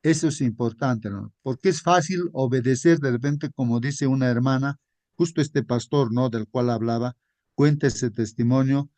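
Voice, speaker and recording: A man's voice: mid-range voice, moderate pace, dark tone, dry recording. A man giving an informal sermon as a Sabbath school teacher, telling stories in a conversational way and often calling his listeners brothers. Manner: conversational, adds frequent tag questions.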